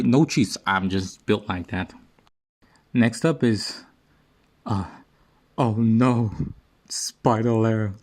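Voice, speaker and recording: Young male gaming host, slightly low voice, loose self-deprecating humor. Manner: joking, self-mocking, rambling. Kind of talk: casual gameplay commentary.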